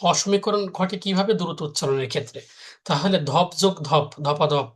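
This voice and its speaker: A man's voice: on the high side, a little fast. Male teacher, live lesson, repetitive question-and-answer delivery. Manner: repeats rules, asks and answers own questions. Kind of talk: live online grammar lesson.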